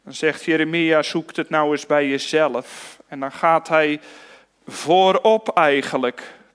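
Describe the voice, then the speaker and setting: A man delivers a sermon. He speaks very slowly and earnestly, pressing his listeners with rhetorical questions. His voice is fairly high for a man and clear and resonant. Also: fairly even intonation, fairly bright tone. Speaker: pastor. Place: church.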